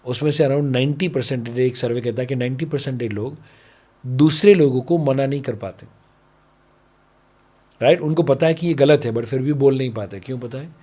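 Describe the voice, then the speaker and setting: Man coaching on parenting, lively, acts out little scenes, from india. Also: mid-range voice, normal speed. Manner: animated, acts out parent-child dialogues. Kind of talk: podcast conversation, Hindi-English mix.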